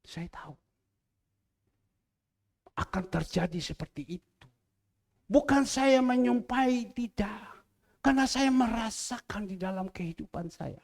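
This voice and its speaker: A man preaching a sermon as pastor, swinging between loud, emphatic lines and hushed asides and repeating key phrases for emphasis. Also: high voice, expressive, unhurried, creaky, pauses often.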